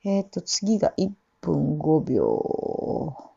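A woman teaching English pronunciation for singing. She uses a casual, chatty style, repeats words slowly and fills her talk with hesitations. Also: low voice, huge pitch swings, creaky, mellow, breathy edge, muffled recording. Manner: demonstrates sounds slowly, repeating words many times; many fillers, informal explaining. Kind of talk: casual spoken lesson with demonstrations.

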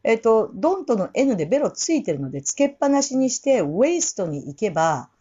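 A woman coaches English song pronunciation in a casual, explanatory way, breaking into slow sung English phrases to demonstrate. Her voice is mellow and warm, with a lively, swooping pitch. The recording sounds a little dull. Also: husky. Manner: explains in Japanese, breaks off to sing and repeat English phrases slowly.

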